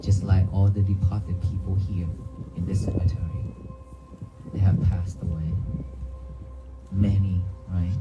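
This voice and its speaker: A low-pitched man with a Vietnamese accent gives a dharma talk, speaking in short, broken phrases. He keeps checking in with the crowd by asking them questions. Music plays clearly in the background. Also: little pitch movement, measured pace, long pauses, lo-fi sound. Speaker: Buddhist monk giving a talk. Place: outdoors by a church cemetery.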